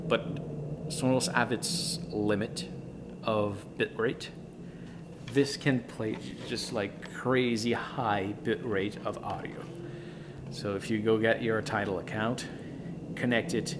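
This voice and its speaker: Over a noisy background, a man with a medium-pitched voice gives a casual product review. He's enthusiastic and emphatic but halting, often repeating words.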